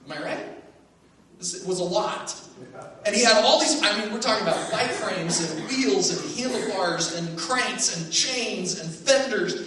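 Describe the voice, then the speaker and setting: A man from Arizona telling a story on stage, lively and often laughing as he acts out the voices. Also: high voice. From Phoenix, Arizona, USA. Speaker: storyteller and teacher. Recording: echoey hall, voice from far off, faint noise.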